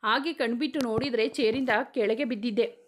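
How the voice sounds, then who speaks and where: Woman doing a heartbroken cop dad, soft and pleading, kinda high voice. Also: fairly quick, lightly acted. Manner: tender, pleading. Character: grieving male police officer, loving father.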